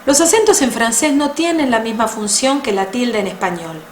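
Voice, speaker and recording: Woman, high voice, teaching French, patient, roomy echo. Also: expressive. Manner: patient, slow, spells out sounds. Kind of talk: explanatory language lesson. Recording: roomy echo with faint noise.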